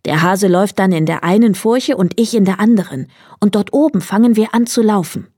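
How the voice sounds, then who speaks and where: A woman's voice: medium pitch, a little fast, mellow, no room sound, studio quality, natural voice. A woman voicing a sly, clever male hedgehog in a read-aloud fairy tale, with a confident, cunning manner. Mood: scheming.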